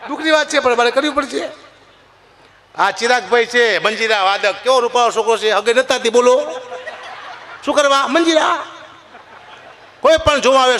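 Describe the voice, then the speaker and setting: Comedian guy on stage, high voice all over the place, big animated jokes. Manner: animated storyteller, voice jumping high for punchlines. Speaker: folk comedian. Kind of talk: Gujarati dayro stand-up storytelling. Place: live stage show.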